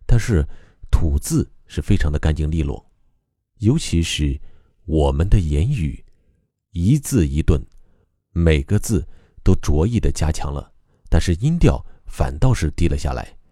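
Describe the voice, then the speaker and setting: A man teaching how to recite a poem, explaining calmly and methodically with frequent pauses. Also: rumbling low, no echo, clean studio sound. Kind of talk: explanatory lesson on reading poetry aloud.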